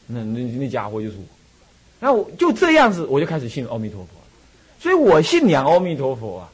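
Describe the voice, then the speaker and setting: Husky, animated Taiwanese monk giving a dharma talk. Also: male voice, fairly high pitch. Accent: Taiwanese Mandarin. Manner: animated storyteller, chuckles, repeats phrases. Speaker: Buddhist monk and temple abbot. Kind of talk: Buddhist dharma talk with personal storytelling.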